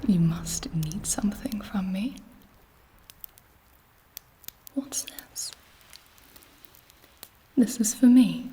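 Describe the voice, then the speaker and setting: Woman whispering as Carmilla, a slow, haughty vampire queen. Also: medium pitch, mellow, poor audio. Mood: haughty, probing. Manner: imperious, sardonic, slow and deliberate. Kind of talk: whispered ASMR roleplay.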